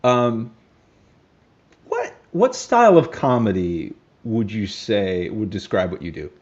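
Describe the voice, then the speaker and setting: A man hosting a casual interview, playful and softly spoken. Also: on the low side, very animated, slow. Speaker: podcast host. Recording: muffled lo-fi audio.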